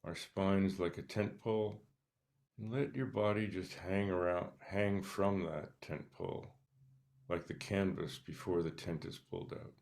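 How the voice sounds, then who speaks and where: A man leading a guided meditation, speaking softly and calmly with long pauses between short instructions. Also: sits low, vocal fry. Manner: slow, calm, soft-spoken instructions with pauses. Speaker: meditation teacher.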